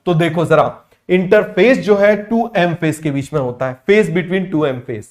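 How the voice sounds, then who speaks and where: A young man teaching biology for an exam, drilling students with repeated quick questions and answers, and using English terms with an Indian accent. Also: fairly high pitch, darkish tone. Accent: Indian English terms within Hindi speech. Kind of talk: exam-prep lecture.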